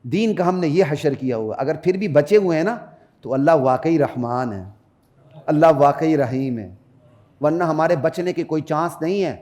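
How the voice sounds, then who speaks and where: Middle-aged mufti preaching a friday sermon, high voice, swings from loud peaks to quiet asides, chants verses. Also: male voice. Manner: emphatic preaching, rises to loud peaks, drops to low asides; recites Arabic verses in melodic chant.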